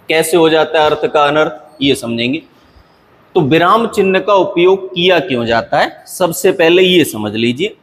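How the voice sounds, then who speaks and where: A man's voice: fairly high pitch, a bit bright. Patient male Hindi teacher, echoing hall. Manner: patient, repetitive explaining with frequent "okay" check-ins; slows down to read example sentences with deliberate pauses. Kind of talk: classroom lecture. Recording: long hall reverb.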